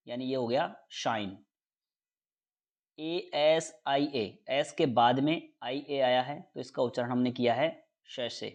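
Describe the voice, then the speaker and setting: A man teaching an English pronunciation lesson in Hindi, spelling words out slowly letter by letter, then explaining the rules at a brisk pace. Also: medium pitch.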